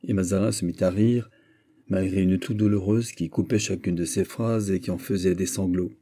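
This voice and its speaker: Un homme qui lit un roman à voix haute, narration posée. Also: male voice, deep voice, fairly even intonation, moderate pace, dark tone. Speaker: lecteur de livre audio. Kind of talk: lecture d'un roman.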